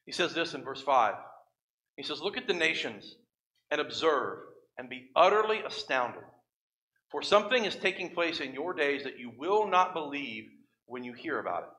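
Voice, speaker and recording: Bright, high-voiced animated male preacher. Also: moderate pace. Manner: animated, voices quoted prayers and scripture with rising exclamations. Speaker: pastor. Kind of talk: sermon.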